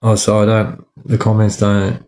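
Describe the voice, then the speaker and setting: A man's voice: on the low side, completely flat delivery, normal speed, darkish tone. Echoey Aussie man talking eshay street slang. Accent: Australian. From Australia. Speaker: livestream storyteller. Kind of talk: casual livestream chat and yarn. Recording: echoey room.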